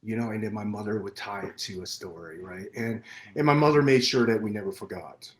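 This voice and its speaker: A middle-aged man born in Vietnam, guest on a podcast, telling his life story in an earnest, measured way with many fillers and restarts. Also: on the low side. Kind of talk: personal storytelling in interview. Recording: roomy echo.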